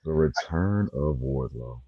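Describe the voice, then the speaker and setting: A man co-hosting a podcast in casual chat, slangy and excitable. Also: extremely low pitch, slow pace, breathy edge, no echo, phone-quality sound. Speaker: podcast co-host.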